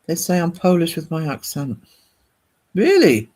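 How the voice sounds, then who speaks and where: With huge swings in his slightly high, darkish voice and a somewhat slow pace, a northern English livestream host chats in a British accent. His talk is casual and meandering as he reads and replies to his viewers' comments.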